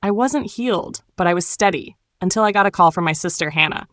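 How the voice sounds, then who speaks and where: A woman narrating a dramatic first-person storytime tale in a cool, wry, sharp-tongued way. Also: on the low side, brisk, dry recording, clean studio sound.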